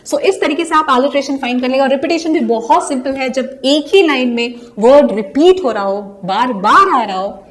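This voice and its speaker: A young woman with an Indian accent, teaching a poem lesson and asking and answering her own questions step by step. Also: sits high. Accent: Indian English. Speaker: English teacher.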